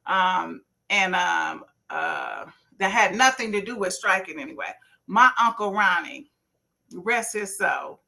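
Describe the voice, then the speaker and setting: A middle-aged woman hosting a casual live stream, telling animated stories and reading viewers' comments aloud with folksy asides. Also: lowish voice, takes it slowly, creaky. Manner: animated storyteller, laughs often, folksy asides. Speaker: livestream host.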